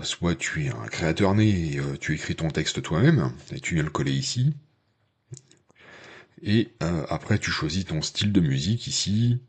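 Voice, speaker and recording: A man with a very deep, husky voice walks the viewer through a software tutorial in a loose, chatty way. He hesitates often and fills the gaps with fillers while talking straight to his audience. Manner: addresses viewer informally. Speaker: tech channel host. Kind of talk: casual screen-share tutorial.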